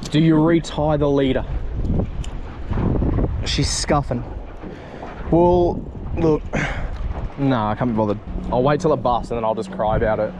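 A young Australian man in his twenties filming himself fishing from a small boat, chatting casually and yelling with excitement when fish bite. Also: medium pitch, a little slow, pauses often. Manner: excitable, swears, yells when fish strike. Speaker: fishing vlogger. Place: small boat on the sea outdoors. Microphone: camera mic on boat and head camera. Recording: wind and water noise outdoors.

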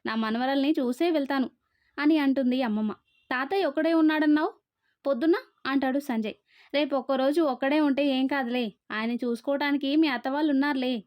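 Woman reading a story aloud, high voice, all the parts in about the same voice, dry close recording. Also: brisk, a little mellow, dry recording. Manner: reads all characters in a near-plain voice. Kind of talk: scripted story narration with dialogue.

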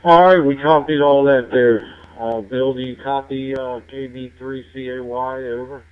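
A man's voice: medium pitch, moderate pace, noisy background. A man, an amateur radio operator, chatting casually over a two-way radio link that sounds like a helmet intercom, signing off his turns in radio style. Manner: relaxed and chatty, ends turns with radio sign-offs. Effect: heard through a two-way radio, like a helmet intercom. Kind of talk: casual radio check-in chat. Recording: tinny narrowband radio transmission.

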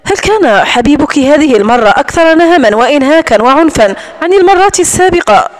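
A woman's voice: high voice, lively intonation, fast talker, dry recording. A woman reading a cold, mocking rich man. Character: stern wealthy man, sarcastic island estate owner.

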